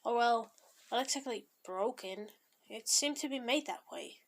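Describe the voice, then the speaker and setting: A woman with a fairly high voice reads a fan fiction story aloud in plain narration. She stumbles over words now and then and restarts phrases. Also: unhurried, vocal fry. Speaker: fanfiction reader. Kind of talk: reading a fanfic aloud.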